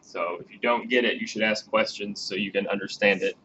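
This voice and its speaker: A man's voice: fairly low pitch, fairly even intonation, brisk, pushed and bright. A man in his thirties teaching a programming class in a classroom, chatty and casual, coaxing students to ask questions. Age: 30s. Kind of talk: classroom lecture. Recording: dull, lo-fi classroom recording with faint background hiss.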